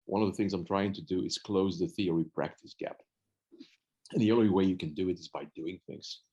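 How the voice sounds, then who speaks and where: A man from Belgium speaks as the guest consultant in an online webinar, his voice sitting low. He talks earnestly over a video call, often stopping to restart a sentence before pressing on. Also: a little fast, mellow, slightly rough, highs cut off. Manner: earnest, with frequent restarts and fillers. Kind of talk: webinar presentation.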